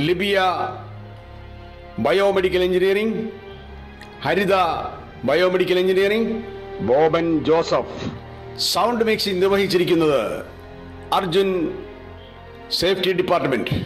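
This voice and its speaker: A man formally announcing a staff skit and its cast, courteous and measured. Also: high-pitched, faint music behind. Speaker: program announcer.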